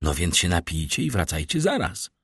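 A man reading an audiobook, voicing a gentle, anxious young woman. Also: sits low, big pitch swings, moderate pace, husky, no echo, studio quality, heavily acted. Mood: tender.

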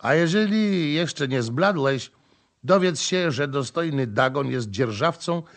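A man's voice: a little high, pitched above the performer's own voice. A man doing a nasal pompous tax collector. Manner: pompous, threatening.

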